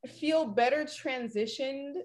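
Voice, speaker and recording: A woman with a Californian valley girl voice, co-hosting a casual podcast chat, animated and laughing often. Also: high-pitched, takes it slowly. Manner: animated, laughs often, acts out quoted lines. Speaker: podcast co-host.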